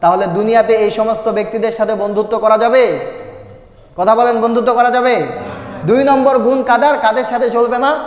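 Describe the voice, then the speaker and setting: High-voiced older male preacher in an echoey hall. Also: fairly even intonation, brisk. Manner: rhetorical questions, chanted Arabic and Persian verses. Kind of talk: sermon. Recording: echoey hall, sound from a distance.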